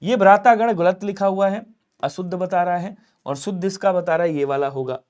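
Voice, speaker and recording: A man from Lucknow teaching a live online exam-prep class, with a fairly high voice. He fires questions at viewers and answers them himself in a call-and-response rhythm. He keeps pushing people to comment fast. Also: darkish tone. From Lucknow, India. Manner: drills answers by asking and answering his own questions; urges viewers to comment quickly. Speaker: Hindi teacher.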